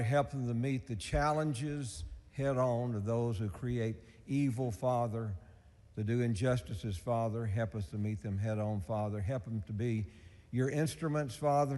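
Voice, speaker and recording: A man's voice: mid-range voice, steady tone, normal speed, warm tone. A man serving as chaplain, giving an earnest opening prayer that keeps addressing Father. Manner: repetitive earnest invocation, often addressing Father. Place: legislative chamber. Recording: long reverb of a large hall.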